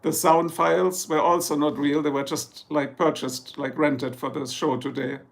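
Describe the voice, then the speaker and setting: This livestream host, a German-accented man from Germany, chats with viewers and reads their comments from his Ohio home, joking and drifting into German now and then. He speaks at a normal speed with a fairly high, fairly even voice and some vocal fry.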